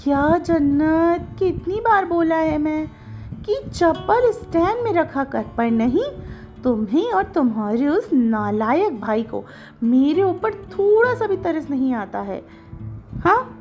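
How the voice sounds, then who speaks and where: A woman's voice: high voice, lively intonation, highs cut off, faint music behind. A woman voicing a scolding, sarcastic middle-aged village mother who nags her daughter. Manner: nagging, mocking, slowed emphatic scolding.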